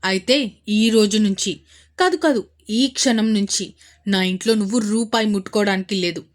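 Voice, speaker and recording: A woman voicing an angry young husband who speaks in harsh, threatening warnings, a little louder than her usual reading voice. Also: mid-range voice, normal speed, natural voice. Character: stern angry rich young husband, man.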